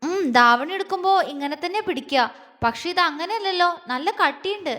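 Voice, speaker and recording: A woman putting on a childlike young bride who pouts and whines, her voice pitched high and bright. The sound carries a long reverberant tail from the room. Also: lively intonation, a little fast, heavily acted. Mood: whiny. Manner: pouting, whiny, childish.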